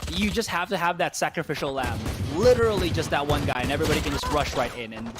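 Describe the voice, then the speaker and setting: A man commentating live on an esports match as an excitable caster, exclaiming and throwing out rhetorical questions. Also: fairly high pitch, fast, over loud music.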